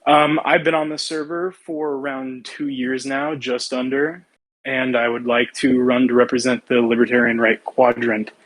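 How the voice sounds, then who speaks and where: A man's voice: medium pitch, fairly bright tone, poor audio. A young man delivers a campaign speech in an online debate. He has a mid-range voice and speaks assertively, stressing his points as a candidate would.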